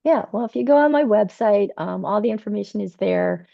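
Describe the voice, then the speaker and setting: A woman presenting at a conference and taking questions, her voice low, gravelly and slightly hoarse as it fades. She talks earnestly, filling pauses with ums. The sound is dry and dull, like a lo-fi recording. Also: lively intonation, no room sound. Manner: warm, earnest, hesitant with many ums. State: losing her voice. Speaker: TCM herbalist presenter. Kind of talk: conference talk and Q&A.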